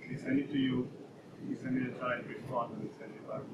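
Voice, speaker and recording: Man in audience, fast questions, far off, dull sound, loud room noise. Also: medium pitch, little pitch movement, echoey room. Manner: quick, probing, slightly halting. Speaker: audience member asking a question. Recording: distant, dull, noisy room audio.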